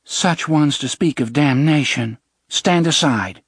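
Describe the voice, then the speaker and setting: A man's voice: on the high side, slow pace, slightly rough, dry recording, clean studio sound, pitched above the performer's own voice. A man voicing a tearful yet defiant young woman who speaks in old-fashioned phrasing.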